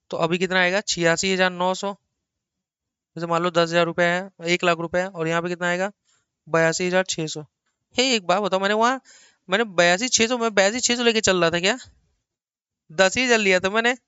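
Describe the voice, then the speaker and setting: A middle-aged man teaching an accounting lecture at a laptop, chatty and animated, repeating words for emphasis and teasing his students in asides. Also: high-pitched, smooth, no room sound, dull audio. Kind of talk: recorded online lecture. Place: small room at a laptop.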